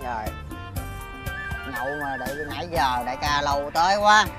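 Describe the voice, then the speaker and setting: An actor playing a boisterous, flattering drinking buddy of the boss. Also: male voice, a little high, normal speed, over music, natural voice.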